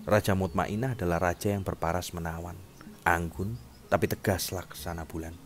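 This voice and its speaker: A man narrating a traditional tale with a measured, dramatic reading. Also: sits low, steady tone, soft background music. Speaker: storyteller. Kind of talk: storytelling narration.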